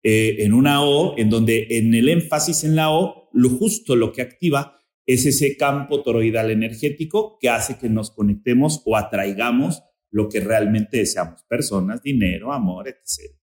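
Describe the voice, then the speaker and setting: A man's voice: medium pitch, moderate pace, a little mellow, roomy sound. A man appearing as a podcast guest, talking casually about spirituality and often searching for words as he goes.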